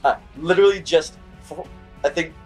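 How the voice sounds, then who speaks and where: A man co-hosting a gaming video, telling stories in an animated, exasperated way and shouting at the game in bursts. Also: on the high side, moderate pace, soft background music. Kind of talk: casual chat while playing a game.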